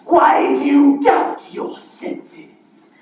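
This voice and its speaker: A stern chained male spirit declaims slowly and ominously in a stage show, acted by a woman playing both parts. The delivery wails and rings out. It is heard from far off in a very echoey space. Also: high-pitched, steady tone, pitched above the performer's own voice. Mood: challenging. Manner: slow, ominous declaiming with loud drawn-out cries. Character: wailing, stern male ghost in heavy chains. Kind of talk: theatrical one-person stage storytelling, playing both parts. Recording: echoey hall from far off, faint noise.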